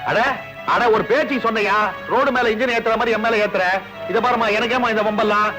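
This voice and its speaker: A man's voice: high-pitched, fairly even intonation, fairly quick, close to an everyday voice, low-quality recording. An actor playing a fussy, flustered comic foreman in a 1980s film drama. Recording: old film soundtrack with music.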